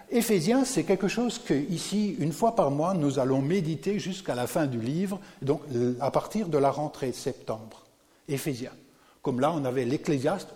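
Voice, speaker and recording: A man preaching a sermon to a congregation, animated and often putting questions to his listeners. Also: on the high side, big-room sound. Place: church.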